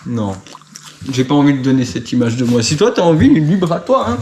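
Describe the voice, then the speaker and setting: A young man chats casually and teases his friend in a relaxed, joking way. His voice sits at an ordinary middle pitch. The room is echoey, with a faint hiss under it. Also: brisk. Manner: laid-back, joking. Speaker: rapper friend. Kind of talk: casual banter.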